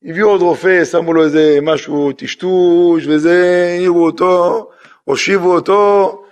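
A man, a rabbi, giving a sermon that tells a story through acted-out dialogue and questions to the listeners. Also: high-pitched. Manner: acts out dialogue in a story, lively questions to the audience.

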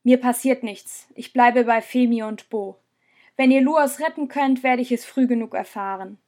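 Brief: resentful young man, quietly bitter; female narrator voices him, slightly high. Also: moderate pace, close to an everyday voice. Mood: resigned. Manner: resentful, reproachful. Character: hurt, bitter young man leaving his friends. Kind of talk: audiobook character voice.

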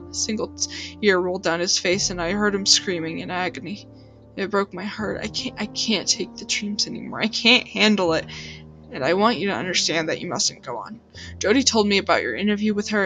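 A woman's voice: medium pitch, fairly bright tone, lightly acted. Woman reading as a haunted, grieving older man. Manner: weary, bitter, apologetic. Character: grieving middle-aged man, bitter and haunted. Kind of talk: storytelling reading.

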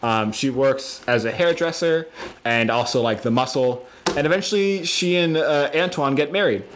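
A man in casual chat, rambling with lots of fillers and getting excited as he explains. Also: medium pitch, moderate pace, noisy background.

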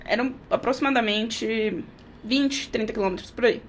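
A woman who drives for a rideshare app appears as a guest in a casual chat, recounting stories from her rides at a moderate pace in a voice on the high side. She acts out the scenes, adding sound effects.

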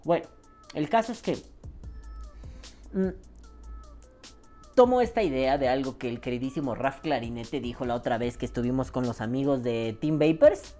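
A woman's voice: very deep voice, expressive, moderate pace, pauses often, dark tone, faint music behind. A woman with a Mexican accent, a vaping vlogger in a casual, profane rant who swears freely and acts out the voices she quotes.

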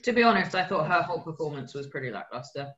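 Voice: medium pitch, animated, quick pace, a bit bright, muffled recording. A speaker giving blunt, candid opinions in a casual film review chat. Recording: echoey room with faint hiss.

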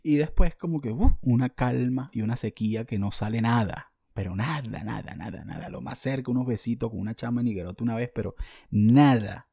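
A man with a Venezuelan accent hosting a podcast, telling a comic story in an animated, slangy, self-mocking way. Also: medium pitch, brisk, gravelly, slightly rough, dry recording, studio quality. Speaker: podcast host.

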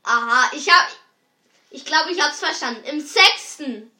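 A woman playing a casual quiz game, talking too loudly as if over headphones. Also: sits high, lively intonation, a little slow. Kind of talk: playful quiz game chat. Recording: echoey room, faint noise, clicks.

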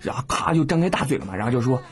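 A man's voice: mid-range voice, expressive, very fast, over loud music. A man, hosting a comedy podcast and telling jokes in a playful, slangy way. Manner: playful, laughs often, slangy. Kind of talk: casual joke telling.

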